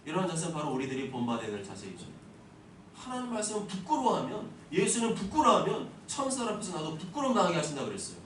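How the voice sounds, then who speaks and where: A male pastor delivers an expository sermon, his fairly high voice leaping up and down as he moves between hushed asides and forceful declarations. He sounds a little away from the mic, in a roomy church sanctuary with a faint hum of ambience behind him. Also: far from the mic. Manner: animated preaching, swinging from soft asides to loud emphatic declarations.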